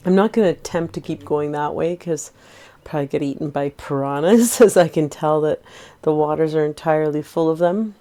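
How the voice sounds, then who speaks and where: A woman's voice: sits low, a little fast, warm tone. A woman in her forties chatting in a rambling, easygoing way while streaming a game, laughing easily. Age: 40s. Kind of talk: casual gameplay chat.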